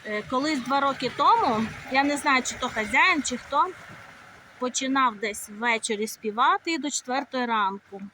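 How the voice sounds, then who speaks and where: Her high, bright voice is expressive and forceful at a normal pace as this Ukrainian vlogger chats her way through resort streets, handheld phone in hand. The casual walking-tour talk is full of fillers, with slight background noise.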